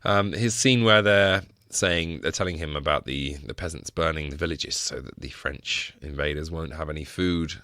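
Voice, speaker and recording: A man with a very low, gravelly voice talks films on a podcast, wry and quick to chuckle. The sound is dry and close, with no room around it. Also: sharp tone, no room sound. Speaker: podcast guest, film historian. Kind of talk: casual podcast chat.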